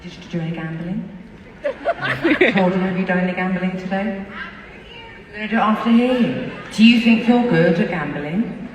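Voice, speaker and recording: On stage in a large indoor concert venue, a woman singer banters with the audience, chatty and cheeky, giggling often. Her mid-range voice is expressive at a moderate pace, but the recording is muffled, distant and echoey, with a loud crowd.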